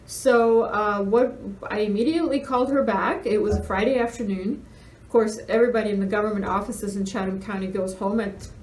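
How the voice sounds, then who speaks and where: A middle-aged woman who hosts holiday rentals, telling a frustrating story in a casual video rant and acting out what others said to her. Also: on the high side. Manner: exasperated storytelling, animated quoting of others. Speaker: real estate investor and Airbnb host. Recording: echoey room with faint ambient noise.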